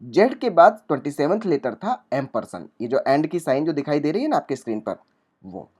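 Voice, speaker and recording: A man's voice: fairly high pitch, big pitch swings, brisk, darkish tone, breathy edge. A man teaching spoken English, explaining step by step and repeating each sound and example word while reading from notes on a laptop.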